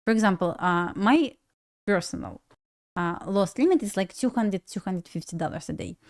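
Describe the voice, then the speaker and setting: On her casual trading livestream, a young woman from Belarus who grew up speaking Russian talks to viewers in a Russian accent, with plenty of laughs and halting restarts. Her voice is medium-pitched and expressive.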